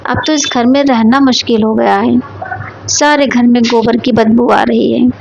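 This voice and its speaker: A woman's voice: a little high, fairly even intonation, moderate pace, vocal fry, a little mellow, a little hiss or hum. A woman voicing a stubborn, scornful young daughter-in-law who complains, on a dull lo-fi recording.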